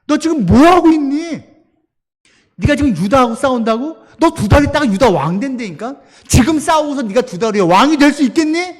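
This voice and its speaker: A man's voice: very high voice, animated, pitched above the performer's own voice. God, a preacher voicing a stern fatherly deity. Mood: scolding. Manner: scolding, emphatic, drawn-out. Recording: long church hall reverb.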